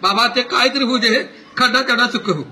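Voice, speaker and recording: A man's voice: extremely high pitch, steady tone, a little fast, sharp tone, slight background noise, full character voice. A man voicing a middle-aged village son who eagerly coaxes and pleads with his old father. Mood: pleading. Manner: eager, coaxing pleas.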